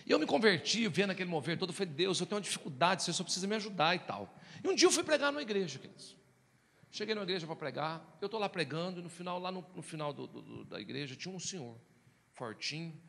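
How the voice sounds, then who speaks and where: A man preaching a storytelling sermon, animated, swinging between loud exclamations and hushed quiet. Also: fairly high pitch, fast talker, gravelly, big-room sound. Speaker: pastor.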